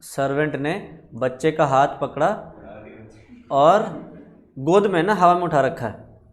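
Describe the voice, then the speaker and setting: Lively man teaching law. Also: a little high. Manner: storytelling with quick voiced asides. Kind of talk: casual classroom lecture.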